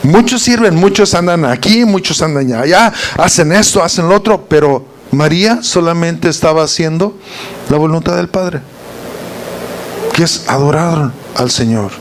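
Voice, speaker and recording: Higher-voiced man teaching Bible study. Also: animated, normal speed, slight background noise. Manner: reads verses aloud, then quizzes listeners with rhetorical questions. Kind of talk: informal Bible teaching to a group.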